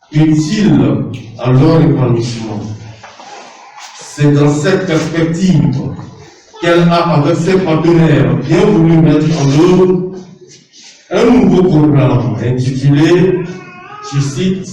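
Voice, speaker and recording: Male official, slow ceremonial delivery, fairly high mellow voice, heavily reverberant room. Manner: ceremonial, measured phrasing. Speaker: official giving welcome address. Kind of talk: formal scripted welcome speech. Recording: very echoey, distant public address.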